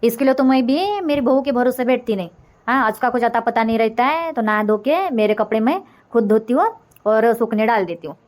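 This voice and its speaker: Cartoon casting: a woman as a grumbling older mother-in-law, a little high-pitched, scolding and rambling. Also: fairly quick, a little mellow, lightly acted. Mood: complaining. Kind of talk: comic cartoon voice acting.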